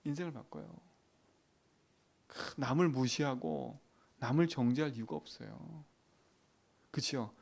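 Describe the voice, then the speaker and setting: A man preaching a dawn prayer sermon as pastor, asking the congregation questions, swinging from loud emphatic lines to quiet asides. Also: medium pitch, measured pace, gravelly, long pauses, breathy edge.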